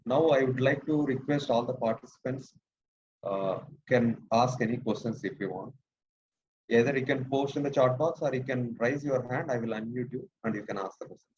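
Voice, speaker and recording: A man's voice: mid-range voice, normal speed, darkish tone. A man with an Indian English accent moderating an online workshop, politely reading out a speaker's introduction. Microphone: computer mic on a video call. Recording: dull lo-fi call audio with faint noise.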